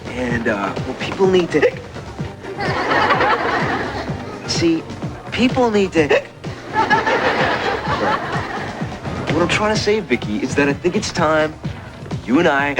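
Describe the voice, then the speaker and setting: A man's voice: high voice, very animated, a loud crowd, poor audio. A young actor playing a nervous teenage boy with hiccups who stammers and hesitates in a comedy sketch. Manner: halting and stammering. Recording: TV sketch with music and studio audience laughter. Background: music.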